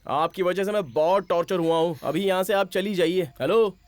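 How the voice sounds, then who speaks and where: A man dubbing a harried young hero in a Hindi film, pleading and exasperated, with loud music behind. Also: sits high, fairly quick, no room sound, close to an everyday voice. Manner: pleading then irritated, exasperated.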